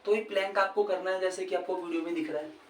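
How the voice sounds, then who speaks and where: A man's voice: high-pitched, steady tone, fast. A man giving casual cricket fitness tips, chatty and informal, often calling the listener "brother" and checking "okay". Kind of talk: casual instructional vlog. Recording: echoey, distant, faint background noise. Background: faint ambient sound, a TV match playing.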